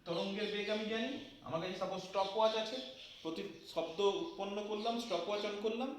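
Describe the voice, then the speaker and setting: A male physics teacher talks his class through a problem one step at a time, stopping to ask whether they follow. His voice sits high, and it sounds heavily echoey, picked up from a distance. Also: brisk. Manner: explains step by step, asks "তাই না?" to check understanding. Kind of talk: classroom lecture. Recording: very echoey room, distant mic, faint noise.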